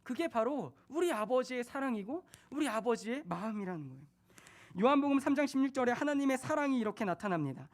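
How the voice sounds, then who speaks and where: A man's voice: extremely high pitch, very animated, fast talker. A man in his thirties, a junior pastor, preaching a sermon in a church in a conversational way, asking questions of the congregation. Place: church sanctuary.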